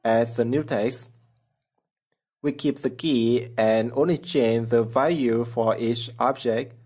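A slow, husky, slightly mellow mid-range voice with fairly even intonation narrates a screen-recorded coding tutorial. The host explains step by step in plain, simple non-native English.

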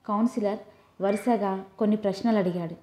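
Mellow woman narrating an audiobook. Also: mid-range voice, steady tone, a little fast. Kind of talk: storybook narration. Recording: roomy echo.

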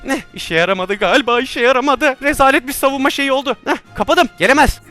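A man giving excitable, chatty VR gameplay commentary and talking straight to his viewers. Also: very high voice, quick pace, soft background music. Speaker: gaming YouTuber.

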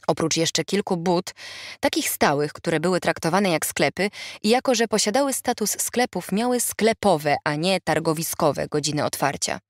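A woman with a fairly low voice reads a humorous novel aloud in a wry, measured way. She is recorded close to the mic in a dry studio. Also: animated, no room sound. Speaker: audiobook narrator. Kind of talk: scripted narration.

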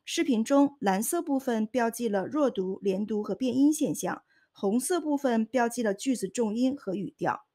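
A woman's voice: on the high side, lively intonation, normal speed, dark tone. Woman explaining pronunciation step by step. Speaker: host and pronunciation tutor.

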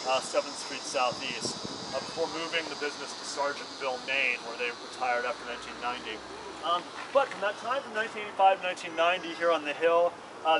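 A young man leading a walking tour of a city street for a group, earnest and full of filler "uh"s, recorded outdoors by a camera a few meters away. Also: a little high. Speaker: tour guide. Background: loud street traffic.

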